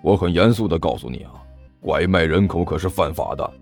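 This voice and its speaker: A man's voice: low-pitched, fairly quick, soft background music, pitched below the performer's own voice. A man voicing a stern, suspicious middle-aged uncle from the neighborhood who lectures and scolds.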